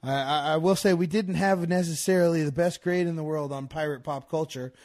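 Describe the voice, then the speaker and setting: A man's voice: on the high side, a little fast, darkish tone. A man co-hosting a casual podcast, bantering playfully with lots of fillers. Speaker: podcast co-host. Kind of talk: casual chat.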